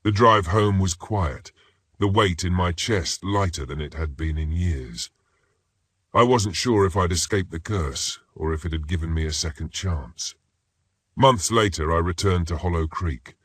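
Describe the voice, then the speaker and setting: A man narrates first-person horror stories in a steady, ominous, scripted read. His voice is very deep with a husky edge. The recording is close and dry, with no room sound. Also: a little slow, dry recording.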